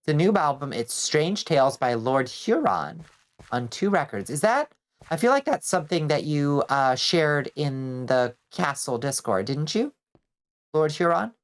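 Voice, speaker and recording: While playing a game, a woman vtuber from Georgia, US, chats casually and reads her chat, her deep voice stuffy and nasal from a blocked nose. She's very animated at a measured pace, rambling and dropping the occasional swear.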